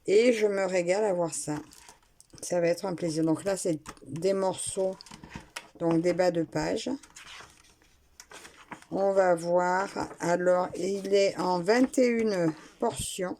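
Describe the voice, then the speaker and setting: Woman, slow unhurried speech, warm mellow tone, chatty unboxing at home, hesitant restarts. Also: lowish voice, fairly even intonation, a little hiss or hum. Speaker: craft vlogger. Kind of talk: casual unboxing commentary. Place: at home, indoors.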